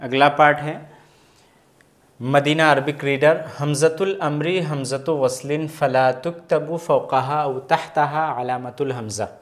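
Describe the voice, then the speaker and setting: A man teaching an Arabic grammar lesson step by step, patiently asking questions and answering them himself, and reading example phrases slowly and carefully. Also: a little high, steady tone. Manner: explains patiently, asks and answers his own questions.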